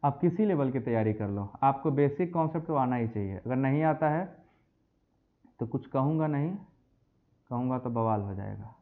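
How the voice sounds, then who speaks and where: Animated chemistry teacher, tinny sound. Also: male voice, medium pitch, normal speed. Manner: lively, addresses students as beta and bachche; mixes English phrases into explanation. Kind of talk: classroom lecture. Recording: tinny phone-like audio.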